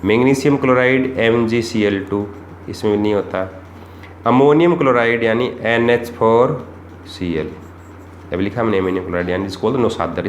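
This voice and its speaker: A man teaching chemistry for exams, asking rhetorical questions and repeating the key points. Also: medium pitch. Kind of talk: exam-prep lesson. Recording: echoey room with faint background noise.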